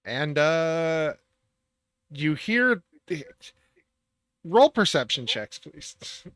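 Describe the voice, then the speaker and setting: Slow-paced, bright-voiced man as game master. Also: a little high, sing-song. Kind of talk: running an online tabletop role-playing game.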